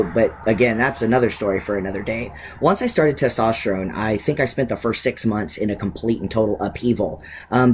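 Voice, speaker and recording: A man in his thirties answering viewer questions in a casual, candid vlog, relaxed with frequent ums and expressive inflections. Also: lowish voice, a little hiss or hum. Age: 30s.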